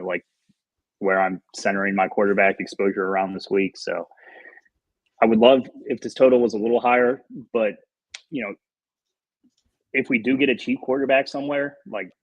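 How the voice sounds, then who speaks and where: A man's voice: fairly low pitch, no room sound, poor audio. A man co-hosting a sports betting show, giving his picks in a rambling way with many fillers. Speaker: DFS analyst co-host. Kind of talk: casual podcast chat.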